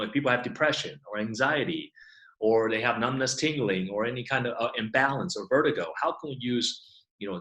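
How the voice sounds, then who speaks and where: A man's voice: medium pitch, a bit bright, echoey room, rough recording. A middle-aged man from Taiwan, a chiropractor, explaining his work in a casual online Q&A and filling his talk with "you know". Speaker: guest chiropractor. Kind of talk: online Q&A interview.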